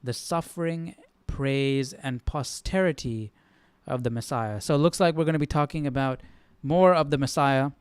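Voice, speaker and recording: On a live Bible study stream, the host works through scripture casually, reasoning out loud and often making sure the listener is keeping up. His voice is smooth and clear, medium in pitch and moderate in pace, recorded dry in a close-sounding space.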